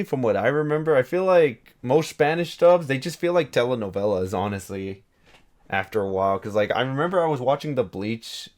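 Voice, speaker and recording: A man's voice: mid-range voice, a little mellow. A man chatting casually on a podcast, rambling, with lots of "like" and swearing. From Mexico. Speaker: podcast co-host. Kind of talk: casual chat.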